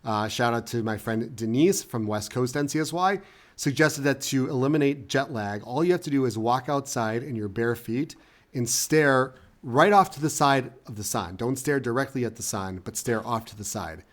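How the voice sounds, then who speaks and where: A man hosting a podcast interview, upbeat and chatty, warmly welcoming his guests. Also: mid-range voice, normal speed. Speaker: podcast host.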